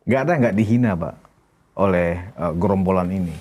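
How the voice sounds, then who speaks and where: A male talk-show host with a husky, slightly breathy voice pitched on the low side. He speaks in a soft-spoken way and steers his guest with agreeing questions. The sound is steady and conversational. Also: moderate pace.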